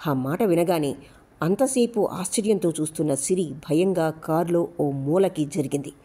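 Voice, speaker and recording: A woman narrating a novel as an audiobook, with steady, dramatic storytelling. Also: sits low, normal speed, slightly rough. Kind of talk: scripted narration.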